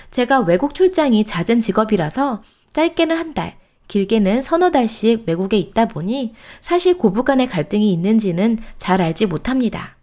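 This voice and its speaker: A woman reads a reader's submitted post aloud as a storytelling host. Her voice sits fairly high, and her pitch rises and falls in a lively way. She keeps an expressive, steady reading cadence.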